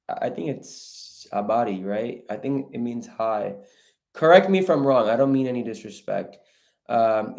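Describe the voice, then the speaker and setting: Chatting informally with his livestream audience, a man with a medium-pitched, darkish voice fields viewer questions and coaches online sellers. He keeps things casual and addresses people as bro and guys.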